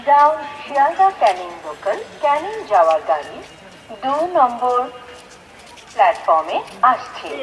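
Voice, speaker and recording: A high, lively woman's voice calls out train arrivals slowly and deliberately over a station loudspeaker. It rings back from far off through the echo of an outdoor platform, half-buried under loud station noise. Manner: slow, measured, sing-song announcing. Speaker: railway announcer. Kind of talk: public train announcement. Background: busy station noise.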